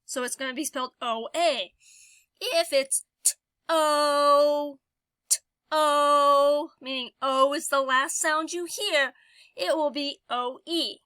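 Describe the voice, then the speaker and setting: A woman teaching a phonics lesson, slowly sounding out vowel sounds and stretching each one out for the learner. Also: sits high, sharp tone, no echo. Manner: slow, drawn-out sounding of vowels.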